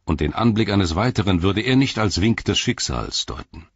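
A man's voice: fairly low pitch, expressive, moderate pace, breathy edge, no room sound, muffled recording. A man reading an audiobook who voices a stern, commanding male captain interrogating a prisoner.

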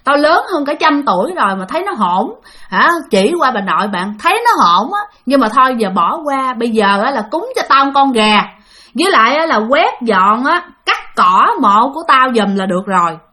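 A woman voicing a vengeful male ghost over a hundred years old who scolds in rough, aggrieved talk. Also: a little high, sing-song, moderate pace, bright, forceful tone. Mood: grudgingly calm.

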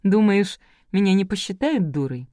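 A woman's voice: medium pitch, expressive, moderate pace, dark tone, no room sound, studio quality, natural voice. A woman voicing a shy, giggly middle-aged bride in an audiobook, bashful in manner.

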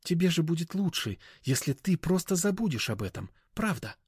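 A man's voice: a little high, big pitch swings, a little fast, darkish tone, husky, no echo, voice pushed up, full character voice. A man voicing a young woman who pleads through tears. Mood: defensive. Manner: pleading, teary. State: crying.

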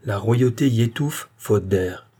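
A man's voice: on the low side, takes it slowly, mellow, breathy edge. A man voicing a haughty, imperious queen in an audiobook, speaking in a commanding and indignant way.

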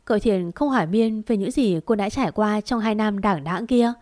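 A woman narrating a romance story in a calm, even storytelling manner. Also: medium pitch, moderate pace, no echo, clean studio sound.

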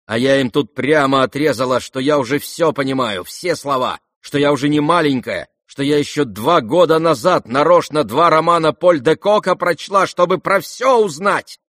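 A man's voice: mid-range voice, expressive, normal speed, no echo, clean studio sound, natural voice. A man reading aloud and voicing a proud, irritable young noblewoman who speaks sharply and indignantly.

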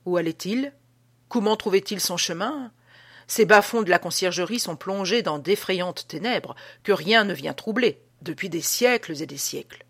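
A woman reading an audiobook as an old male prison guard telling an uncanny tale, with a dramatic, hushed delivery. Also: on the low side, expressive, moderate pace, breathy edge, exaggerated voice. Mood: spooked. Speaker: audiobook reader.

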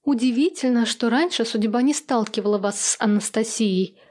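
A woman's voice: a little high, moderate pace, a little mellow, natural voice. A woman voicing a tipsy, sly young woman. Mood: casual. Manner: sly, teasing.

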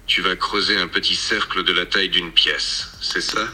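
A synthetic male voice voicing a bewildered male farmer who guards his secrets, in calm, evenly read lines. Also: sits low, normal speed, breathy edge, heavily acted. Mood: puzzled.

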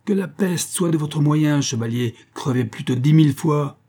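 A man's voice: medium pitch, fairly quick, mellow, breathy edge, close to an everyday voice. A man reading the part of a stubborn, peevish magistrate husband, curt and indignant, in an audiobook.

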